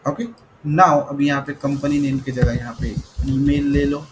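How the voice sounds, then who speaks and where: A man's voice: mid-range voice, little pitch movement, measured pace, noisy background. A man teaching a coding tutorial, mixing Hindi and English, saying "okay" often and spelling words out letter by letter. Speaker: coding instructor. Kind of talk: screen-recorded coding tutorial.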